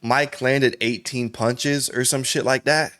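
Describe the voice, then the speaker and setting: A man's voice: mid-range voice, fairly even intonation, slow pace, fairly bright tone. A man hosting a reaction video, talking casually in slangy, profane, rambling speech and saying "bro" constantly. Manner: rambling, with frequent restarts.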